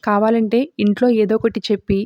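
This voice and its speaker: A woman's voice: mid-range voice, little pitch movement, brisk, no echo, close to an everyday voice. A woman voicing a frail, worried grandmother in her later years, read plainly in a serial recap. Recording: dull dry lo-fi recording.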